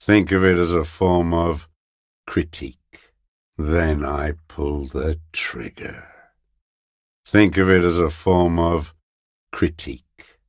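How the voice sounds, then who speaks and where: An actor playing an embittered old communist deserter in a video game, with a gravelly voice and a slow, contemptuous delivery. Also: male voice, low-pitched, steady tone, dry recording, studio quality. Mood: grim, unrepentant. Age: older. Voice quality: gravelly, creaky. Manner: slow, contemptuous, bitter invective. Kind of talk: dramatic video game voice acting.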